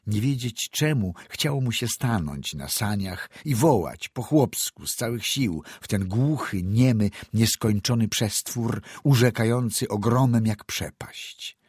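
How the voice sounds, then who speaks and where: A man narrating classic prose as an audiobook reader, measured and descriptive. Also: fairly low pitch, expressive, darkish tone, husky, no room sound, studio quality.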